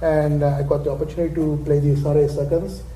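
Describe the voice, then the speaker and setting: A man, speaking plainly and haltingly at a press conference and clearing his throat often. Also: on the high side, little pitch movement, warm tone. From Sri Lanka. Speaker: senior cricketer. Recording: echoey room with faint background noise.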